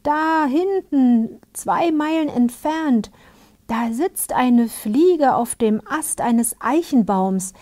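A woman's voice: high voice, lively intonation, takes it slowly, a little mellow, no echo, voice pushed up. A woman voicing a boastful male hunter in a whispered fairy-tale role-play. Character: boastful male hunter with a far-reaching eye.

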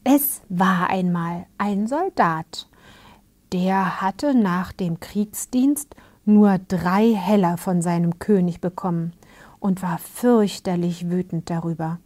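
A woman telling a fairy tale in a hushed, soothing whisper, as a whispered fairy-tale reading. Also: on the low side, slow pace. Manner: hushed and soothing, invites listeners to get comfortable. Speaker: storyteller.

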